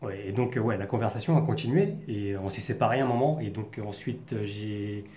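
A young vlogger from France's Paris region tells a personal story to camera, earnest and reflective, often searching for his words. His voice sits on the low side, with a warm tone and a brisk pace. The room is echoey.

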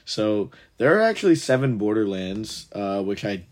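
Young man, low voice, casual podcast co-host, rambling, swears and laughs. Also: sing-song, normal speed, a little hiss or hum. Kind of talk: casual gaming podcast chat.

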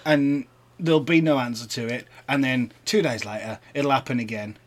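A man of medium pitch and ordinary pace co-hosts a casual podcast with his partner, teasing her, arguing, and laughing often. There's a slight hiss or hum in the recording.

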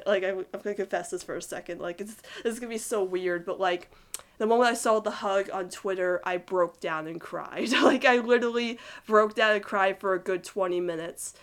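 A young woman gushing about a cartoon couple in rambling, excited casual commentary full of "like". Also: mid-range voice, moderate pace. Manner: gushing, rambling, heavy use of "like", giggly. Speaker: cartoon fan reviewer.

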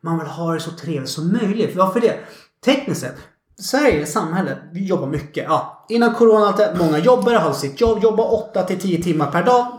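A man chatting casually as a podcast guest, an animated storyteller who swears freely. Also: high voice. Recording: echoey room.

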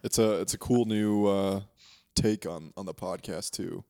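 A soft-spoken man with a lowish voice co-hosting a casual podcast. He mostly chimes in with short, agreeing remarks. The sound is dry and close. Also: steady tone, measured pace, gravelly, no echo. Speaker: podcast co-host. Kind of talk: casual chat.

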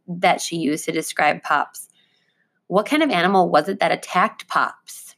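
Teacher reading a chapter book aloud to students, lowish voice, clear and expressive. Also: female voice.

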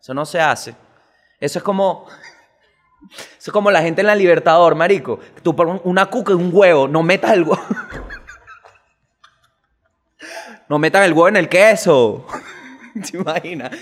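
A man with a Venezuelan accent who hosts a comic news show and rants fast, swears a lot, and jumps sharply in pitch. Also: big-room sound. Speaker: host.

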